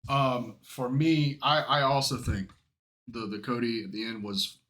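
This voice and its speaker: A man's voice: mid-range voice, steady tone, measured pace, a bit bright. A man chatting casually as a podcast co-host, blunt and opinionated, with plenty of profanity.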